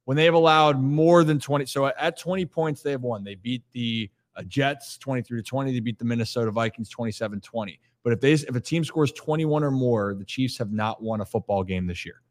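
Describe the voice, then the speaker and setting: Man, podcast host, casual, upbeat, shares stats, middle pitch. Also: brisk, few pauses. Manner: upbeat, stat-sharing, leads the talk.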